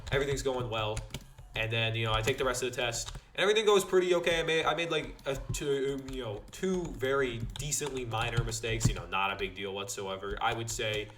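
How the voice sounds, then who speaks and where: A man's voice: a bit bright, slight background noise. A teenage boy telling a story for his vlog in a rambling, casual way, full of fillers and restarts. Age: teens. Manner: acts out dialogue with big pitch jumps. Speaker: vlogger.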